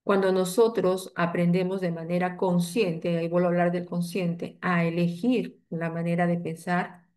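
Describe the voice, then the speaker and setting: A woman's voice: fairly low pitch, level tone, normal speed, few pauses, a little mellow. A middle-aged woman psychotherapist giving a talk, telling stories in a conversational way with frequent fillers and tag questions. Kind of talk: storytelling lecture.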